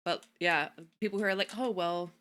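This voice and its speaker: A woman streamer chatting casually at home, full of fillers and quick giggles. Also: lowish voice, fairly even intonation, a bit bright, clear, resonant tone. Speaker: streamer host. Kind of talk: casual chat.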